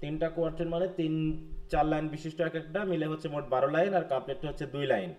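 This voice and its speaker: A man's voice: fairly high pitch, fairly even intonation, rapid-fire, a little mellow. A man from Bangladesh teaching a live online class, questioning students and mixing English terms into his lecture.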